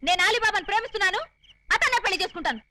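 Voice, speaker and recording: A defiant girl in a film comedy, very high and super fast, faint noise. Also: animated, sharp tone, full character voice. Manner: shrill, rapid, defiant. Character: defiant young woman arguing with her brothers. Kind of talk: Telugu film comedy acting.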